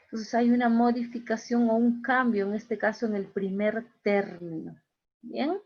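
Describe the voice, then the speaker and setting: A woman teacher giving an online class, speaking slowly, repeating key phrases and checking in with her students. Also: on the high side, steady tone. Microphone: video call. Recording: dull lo-fi video call audio.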